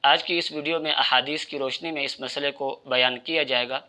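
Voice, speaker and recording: Bright-voiced man teaching prayer rules. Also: medium pitch, steady tone, brisk. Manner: explanatory, methodical, addressing listeners directly. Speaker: Islamic religious teacher. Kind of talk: religious instruction.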